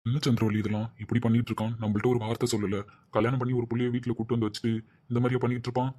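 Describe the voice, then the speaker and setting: A man's voice: medium pitch, flat delivery, very fast, dark tone, natural voice. A man voicing a stern middle-aged father who scolds his absent son.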